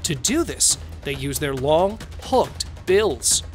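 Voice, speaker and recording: A man reading scripted nature documentary narration as a presenter, in measured phrases. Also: on the high side, big pitch swings. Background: music.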